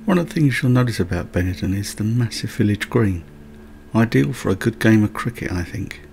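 A travel vlogger narrates a scripted countryside road trip as a voice-over, tossing in light, chatty asides. His lowish voice is animated and creaky, moving fairly quickly over music.

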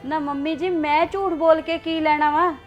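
A woman's voice: high-pitched, fairly even intonation, normal speed, lo-fi sound, soft background music, lightly acted. A young woman acting a scheming niece who talks in a meddling, mocking way. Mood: telling. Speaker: niece in a family drama. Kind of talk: Punjabi short film acting.

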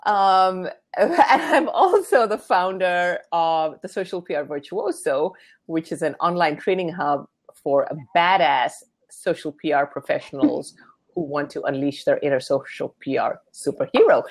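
Lively woman host on a video chat, kinda low voice but bouncing all over, giggly. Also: a little slow, slightly rough. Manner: bubbly, laughs often. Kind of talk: casual live video chat.

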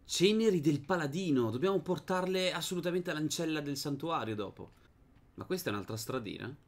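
Chatting with his audience and the game's characters, the same young gaming host delivers fairly quick, casual let's-play commentary. He gets excitable and bursts into high shouts when fights break out.

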